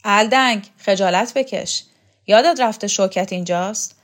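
A woman voicing a fierce, bossy older woman commander who scolds and shouts insults in a loud, raised voice. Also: a little high, expressive, pitched above the performer's own voice, close to an everyday voice. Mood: furious scolding.

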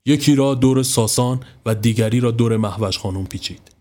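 A man steadily narrating a scripted horror story. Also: medium pitch. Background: soft music.

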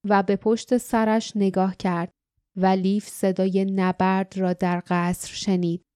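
Mellow woman reading an audiobook. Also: medium pitch, little pitch movement, clean tone, no echo, studio quality. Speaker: audiobook narrator. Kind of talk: scripted narration.

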